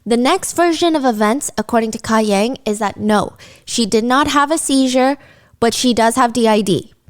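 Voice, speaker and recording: A woman's voice: on the high side, moderate pace. A woman hosting a true-crime podcast, retelling a case in a casual, conversational way and briefly acting out quotes. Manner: lively, acts out quotes in character. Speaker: podcast host.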